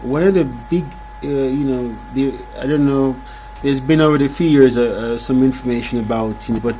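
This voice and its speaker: A man, a guest in a casual group discussion, talking haltingly with many fillers. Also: mid-range voice, dark tone, slight background noise, poor audio. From Philadelphia, USA. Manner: halting, full of fillers like "you know".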